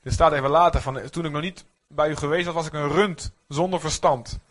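Man preaching in church, gets loud and animated, voice a bit high. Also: brisk. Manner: animated, rising to near-shouts when voicing prayers; speaks to the congregation, asks for amens. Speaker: pastor. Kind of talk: sermon.

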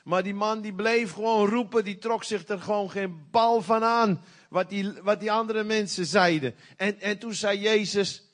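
A middle-aged man preaches a sermon with a slightly raised voice. He talks in a folksy, conversational way, then bursts out loud on key points. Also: sits high, moderate pace. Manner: animated, folksy preaching with sudden loud outbursts.

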